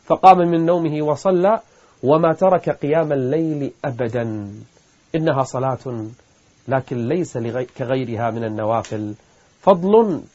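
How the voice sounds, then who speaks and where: A man's voice: mid-range voice, moderate pace, a little mellow, muffled recording. A man preaching an emotional sermon, building to emphatic peaks and at times chanting scripture. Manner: impassioned, rising to emphatic peaks. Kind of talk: emotional sermon with Quranic recitation.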